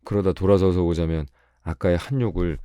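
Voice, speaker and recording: A man with a very low, mellow voice reads a short story aloud for sleep, calm and measured. The recording is dry and close to the mic. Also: clear, resonant tone, dry recording. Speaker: audiobook reader. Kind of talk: audiobook reading for sleep.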